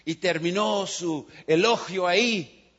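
High, husky man preaching. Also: slow pace, dull audio. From United States. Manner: animated storyteller, changes voice for characters. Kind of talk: sermon with storytelling.

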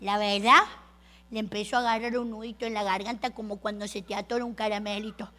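A woman telling a story to children in an expressive, soft-spoken way, with long pauses. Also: mid-range voice.

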